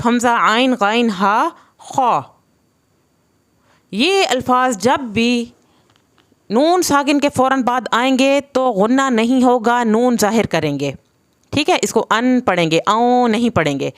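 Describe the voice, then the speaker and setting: Patient woman teaching Quran recitation. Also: on the high side. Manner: slow, patient spelling out of letter sounds. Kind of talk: online tajweed lesson.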